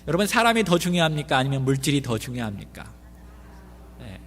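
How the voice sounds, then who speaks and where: A man's voice: medium pitch, very animated, fairly quick, a bit bright, slightly rough. A male pastor preaching a sermon, often asking the congregation questions. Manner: asks the congregation many questions. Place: church sanctuary. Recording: long reverb of a church hall.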